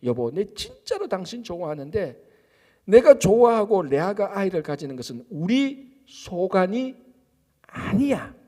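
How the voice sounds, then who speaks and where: A man's voice: sits high, big pitch swings, measured pace, warm tone, full character voice. A man voicing a loving husband who reassures his wife, in an echoey church hall. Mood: reassuring. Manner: reassuring, pleading.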